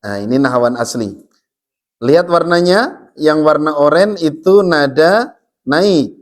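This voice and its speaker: A male recitation teacher in a mosque. He switches between quick explanations and slow chanted verses, and he coaxes the congregation to chant along with him. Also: a little high, lively intonation. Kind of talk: teaching melodic Quran recitation.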